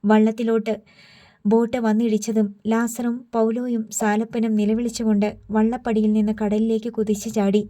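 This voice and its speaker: A woman reading a literary novel aloud as an audiobook narrator, in a measured, unhurried storytelling manner. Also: on the high side, little pitch movement, mellow.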